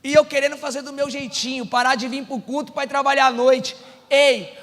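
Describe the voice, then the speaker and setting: A male pastor with a Brazilian Portuguese accent preaching a sermon with a personal testimony. He swings from hushed storytelling to shouted exhortation. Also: extremely high pitch, little pitch movement, fast talker, long reverb tail. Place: church hall.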